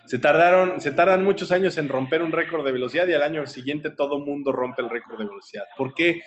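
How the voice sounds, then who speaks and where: A man telling a motivational story, animated, with many fillers and restarts. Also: fairly high pitch, fast talker. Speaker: motivational speaker.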